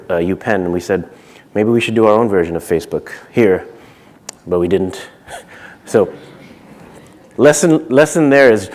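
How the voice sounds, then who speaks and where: A man in his thirties, from Zimbabwe, speaks at a conference with a fairly low voice. He talks casually, with halting restarts and plenty of fillers, through a stage microphone. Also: darkish tone. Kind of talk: conference talk.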